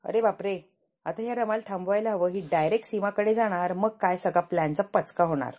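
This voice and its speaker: Mellow-voiced woman retelling a TV serial. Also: mid-range voice, brisk. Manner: chatty, lively retelling. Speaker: narrator. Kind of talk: casual TV serial recap.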